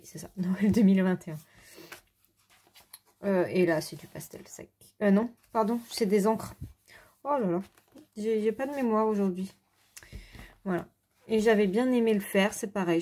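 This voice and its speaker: A woman casually showing her coloring books, rambling with fillers and quick self-corrections. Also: mid-range voice, warm tone. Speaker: adult coloring hobbyist. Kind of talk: casual show-and-tell.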